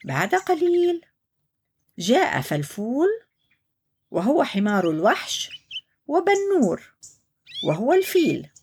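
An older woman, a grandmotherly storyteller, reading a picture book aloud to small children in an expressive way. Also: high voice, slow pace, pauses often, a little hiss or hum. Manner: warm, expressive, sing-song.

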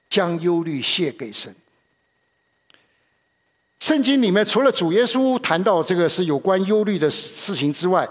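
A man with a fairly high-pitched voice preaches a sermon conversationally, repeating himself often and posing questions to his listeners.

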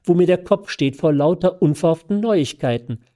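An excitable, naive young man bursts out in high, eager cries of joy, as a man reading aloud puts him on. The voice rises well above the reader's own and grows louder. A slight scratch sits in the throat. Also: normal speed, lightly acted. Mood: overjoyed.

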